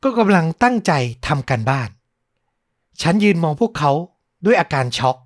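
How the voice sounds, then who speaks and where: A man telling a horror story on a podcast in a measured voice that sinks low and hushed at the tense parts. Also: big pitch swings, no room sound, studio quality. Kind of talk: scripted horror narration.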